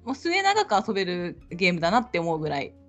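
A woman co-hosting a casual podcast. She speaks politely but chattily, with quick pacing and an animated pitch, and she often breaks into laughter. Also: soft background music. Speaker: podcast co-host. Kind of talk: casual chat.

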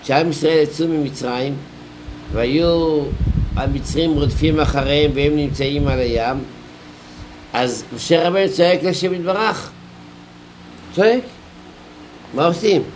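Deliberate, slightly high-voiced male rabbi lecturing. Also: darkish tone, slight background noise, rough recording. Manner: explanatory, storytelling with anecdotes and rhetorical questions; deliberate, drawn-out phrasing with pauses. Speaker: rabbi teaching Torah. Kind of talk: Torah lecture.

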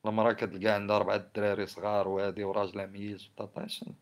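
A man's voice: fairly low pitch, flat delivery, racing. A man with a Moroccan Arabic accent giving impassioned social commentary in an indignant, scolding way, firing off rhetorical questions. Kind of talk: impassioned spoken commentary on society and government.

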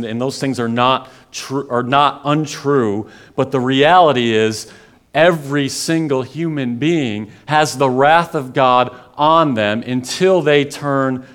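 Slow, earnest preaching man. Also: mid-range voice, clear, resonant tone. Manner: earnest, pleading, rises to emphatic peaks then drops quiet. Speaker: pastor. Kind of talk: sermon.

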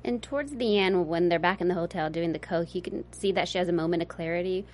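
A woman in her thirties co-hosts a casual TV recap, lively and expressive. Her voice sits a little low, and a faint hum runs behind her. She talks with her hands in her voice. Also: quick pace. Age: 30s. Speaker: co-host.

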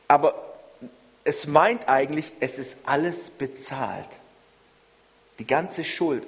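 Earnest male preacher in a reverberant hall. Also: a little high. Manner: earnest, measured preaching with repeated phrases. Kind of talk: sermon.

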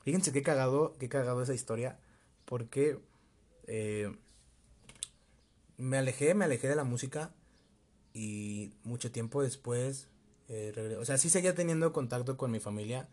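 A young man with a Mexico City accent, telling a personal story in a casual, slangy, animated way with bits of laughter. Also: medium pitch, normal speed, pauses often. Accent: Mexico City Spanish. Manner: slangy, laughing, animated retelling with quoted voices. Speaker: vlogger.

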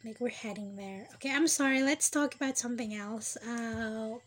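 A woman's voice: fairly high pitch, normal speed. A young woman hosting her own podcast, chatting casually and rambling in a self-deprecating way, sometimes dropping to a whisper. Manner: rambling, self-deprecating, drifting between whispers and louder bursts. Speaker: podcast host. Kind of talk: casual solo podcast chat.

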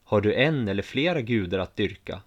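A gaunt, wild-eyed warrior who speaks only in rhymes, as a man reads him aloud. Each line comes out as a sing-song rhyming question. The voice sits fairly low. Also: expressive, highs cut off. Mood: probing.

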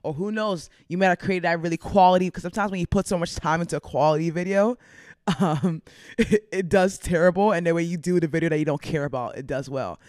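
A woman's voice: sits low, darkish tone, dry recording, studio quality. A woman content creator giving casual, upbeat advice in a chatty way, laughing often.

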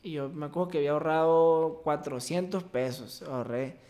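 A young man from Mexico, his voice sitting a little high for a man, talks through a personal memory in a halting, emotional way, breaking off and starting over. He sounds like a podcast guest sharing his story in a casual interview. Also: warm tone. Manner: emotional, halting retelling with many restarts. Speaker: guest, baseball player.

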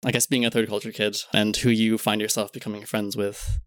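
Thoughtful young man, low voice, dry sound. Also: level tone, a little fast, dry recording. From Philippines. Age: 20s. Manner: thoughtful, hedging with "I guess" and "I suppose". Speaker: podcast guest. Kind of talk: casual chat.

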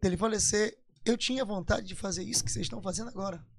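A man's voice: high voice, racing, creaky. A man from Parintins, telling his story as a guest musician in a casual, emphatic way, repeating phrases for weight. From Parintins, Amazonas, Brazil.

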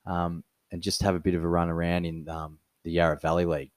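A man's voice: low voice, quick pace, no echo. A man with an Australian accent, co-hosting a podcast and telling stories in casual chat, laughing often. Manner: storytelling, laughs a lot, animated. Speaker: podcast co-host.

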